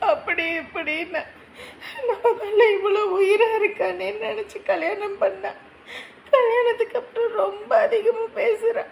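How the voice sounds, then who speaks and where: A woman voicing a tearful young daughter-in-law in an animated drama. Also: sits high, gravelly, a little hiss or hum, rough recording. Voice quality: tearful, sobbing.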